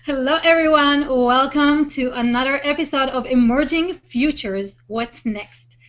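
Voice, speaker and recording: A woman hosts an online interview show over a video hangout call, giving an enthusiastic introduction and interview. Her voice sits high and is a bit bright, with a measured pace, though the web call audio is dull and lo-fi.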